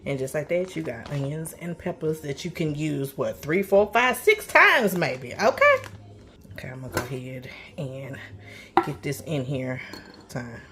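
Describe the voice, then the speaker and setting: A woman's voice: low voice, sing-song, normal speed. A middle-aged woman, chatting folksily through a casual cooking vlog in her home kitchen and calling viewers honey and child. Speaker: cooking vlogger. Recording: noisy room with chopping and clicks.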